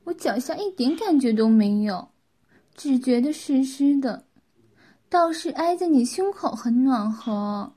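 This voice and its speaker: A woman's voice: high voice, lively intonation, a little slow, dark tone. A woman voicing a bossy, playful young wife who teases and gives orders in a story reading. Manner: teasing, commanding.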